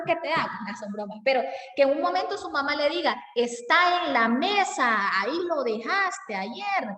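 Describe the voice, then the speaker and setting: A woman with a Salvadoran accent teaching a grammar lesson alone in a classroom, chatty and expressive, using everyday examples. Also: sits high. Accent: Salvadoran Spanish. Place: empty classroom. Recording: echoey classroom from a distance.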